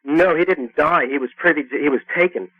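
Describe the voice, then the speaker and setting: Husky male radio show caller. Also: fairly high pitch, dry recording. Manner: halting, repetitive, earnest. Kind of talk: unscripted phone-in debate. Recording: phone call on a talk show.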